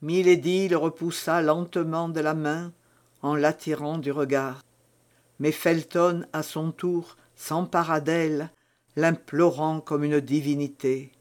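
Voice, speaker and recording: A man narrating a classic novel in a measured, literary audiobook reading. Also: fairly high pitch, little pitch movement.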